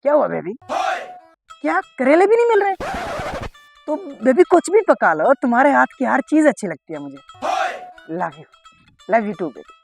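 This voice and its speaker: A man playing a middle-aged village headman in a comedy skit, gruff with others and cooing to his wife. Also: very high-pitched, big pitch swings, moderate pace, long pauses, soft background music, heavily acted.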